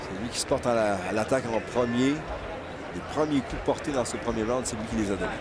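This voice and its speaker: A man's voice: mid-range voice, fast. A man with a Quebec accent calling a boxing match live as play-by-play commentator. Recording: loud arena crowd and background noise. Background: roaring crowd in an arena.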